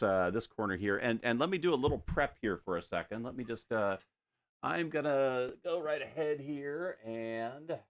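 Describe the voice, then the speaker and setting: Painting during a live stream from his home studio desk mic, a middle-aged man talks casually in a medium-pitched, somewhat bright voice with no audible room sound. His talk wanders, breaking off into stammered restarts and chuckles.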